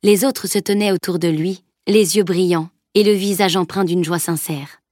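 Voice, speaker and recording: A woman narrating a novel as an audiobook in an even, steady reading. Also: on the low side, normal speed, no echo, studio quality. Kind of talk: scripted narration.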